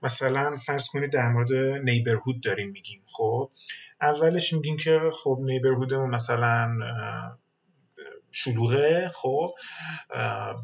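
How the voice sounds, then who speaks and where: A man teaching a webinar lesson on an English exam, who explains patiently, mixes English terms into his talk and often pauses on fillers, and who speaks English. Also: mid-range voice, gravelly, highs cut off.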